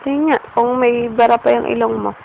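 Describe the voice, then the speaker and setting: A mother, cooing slowly in soft baby talk to her infant. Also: fairly high pitch, steady tone, creaky. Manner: cooing, sing-song, slow and soft. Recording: muffled phone-like home video with hiss.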